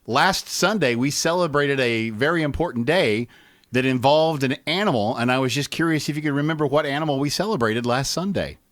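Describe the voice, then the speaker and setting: A man's voice: medium pitch, fairly bright tone, no room sound, studio quality. A man co-hosting a radio show in casual chat, teasing his co-host and asking her questions. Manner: teasing, asks questions, quick to agree.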